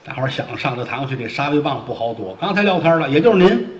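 A man voicing a sly, flattering clerk who coaxes and wheedles. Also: mid-range voice, quick pace, lightly acted. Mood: pleading. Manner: wheedling, ingratiating. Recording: dull, roomy stage recording.

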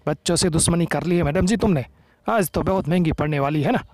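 A young man hosting a gaming channel, giving excited, teasing gameplay commentary full of playful taunts. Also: on the high side, quick pace, no echo.

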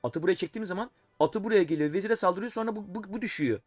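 A man with a high, slightly mellow voice races through his words while streaming live chess, thinking aloud and talking to his chat, often exasperated. The recording is dry, with faint music in the background.

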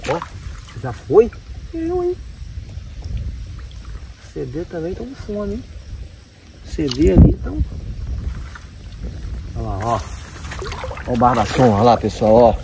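Excitable Brazilian fisherman, far from mic. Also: medium pitch, a little slow, vocal fry, pauses often. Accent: Brazilian Portuguese. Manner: excitable, exclaims loudly, repeats phrases. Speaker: fishing vlogger. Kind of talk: excited on-the-spot narration to viewers. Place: outdoors at a riverbank. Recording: distant mic with outdoor noise.

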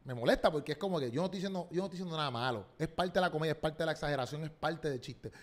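On a laid-back podcast, this guy, a comedian with a Puerto Rican Spanish accent and a somewhat high voice, tells stories fast and full of slang. He's animated, acting out the quotes as he goes.

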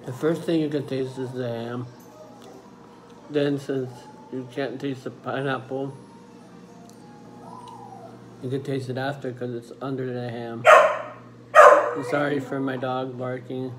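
A man's voice: mid-range voice, level tone, takes it slowly, pauses often, music in the background, rough recording. Man talking with his mouth full. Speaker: food reviewer. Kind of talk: casual food review vlog.

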